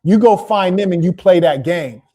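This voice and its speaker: Man hosting a debate, high voice, lecturing, dismissive, cuts in often. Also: normal speed, crowd noise. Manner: lecturing, dismissive, keeps interrupting. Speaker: debate show host. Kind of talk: heated call-in debate.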